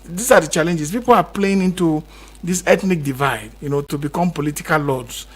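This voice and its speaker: As a guest commentator in a radio interview, a Nigerian man speaks fairly quickly in a slightly high voice with a breathy edge. Impassioned, he repeats himself and presses harder to stress his points.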